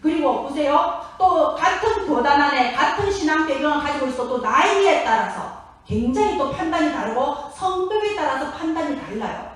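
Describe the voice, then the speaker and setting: High-voiced woman preaching in an echoey hall. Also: normal speed. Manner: lively storytelling, asks the congregation questions. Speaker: pastor. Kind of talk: sermon. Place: church sanctuary. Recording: echoey church hall, from far off.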